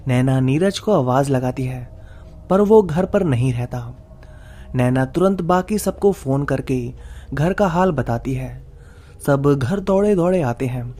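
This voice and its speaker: A man's voice: medium pitch, mellow. A man narrating a horror story in a suspenseful, dramatic storytelling manner.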